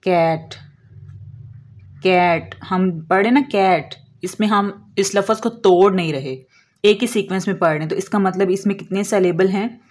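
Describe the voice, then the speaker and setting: A woman explaining a lesson as an English teacher, slowly drawing out example words and answering her own questions. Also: medium pitch, a little mellow. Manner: asks questions and answers them herself.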